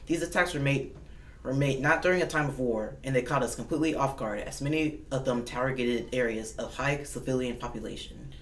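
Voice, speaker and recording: A man's voice: mid-range voice, brisk. A man hosting school morning announcements over an intercom, reading formally with occasional restarts. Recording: echoey and distant with faint noise.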